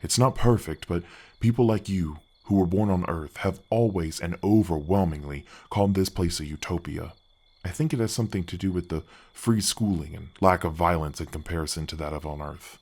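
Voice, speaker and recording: Here the same kind of kindly gargoyle guardian is voiced by a man whose pitch is deepened electronically, speaking softly in a fantasy ASMR scene at a brisk pace. He comes across as reassuring and proud, courteous and earnest, a bit bashful, with hesitant phrasing.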